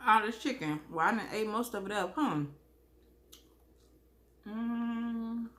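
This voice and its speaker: A woman chats casually to her viewers as a mukbang vlogger, eating crunchy fried chicken and drinking as she talks, in a folksy, expressive way with savoring hums. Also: a little high, slow, long pauses. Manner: folksy, expressive, chuckles often.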